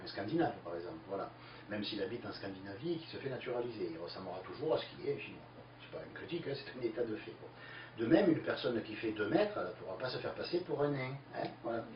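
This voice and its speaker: A man answering listener questions in a lively, emphatic explanatory talk full of fillers. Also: lowish voice. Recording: distant, echoey, dull lo-fi with faint hiss.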